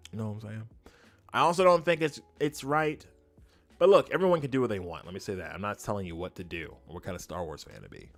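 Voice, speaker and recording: A man's voice: fairly low pitch, fast talker, faint music behind. A man giving casual, opinionated livestream commentary as a host, speaking emphatically and often repeating his phrases for weight. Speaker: YouTube host and streamer.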